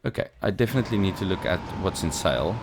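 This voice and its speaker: Speaking quickly and with lots of energy, this low-voiced man hosts a let's play despite not being a native English speaker. His casual commentary mixes thinking aloud with playful asides, and background noise runs underneath.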